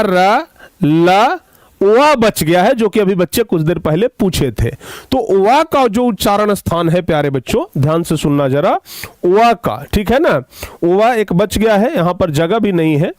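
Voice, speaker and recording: A man with a high voice teaches children a grammar lesson, going over each key term again and again. The sound is dry and close, with no room echo. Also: animated. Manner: repeats key terms slowly, calls pupils "dear children".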